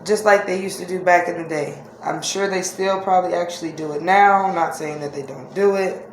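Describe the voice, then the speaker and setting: A woman vlogger telling personal stories casually to her viewers, candid, halting and reflective. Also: lowish voice, fairly even intonation. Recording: echoey room with faint-to-clear background noise.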